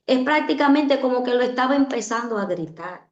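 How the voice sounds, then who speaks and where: In an interview, a woman with a high, expressive voice gives an earnest personal testimony at a brisk pace, often repeating her phrases for emphasis. The room sounds echoey and dull.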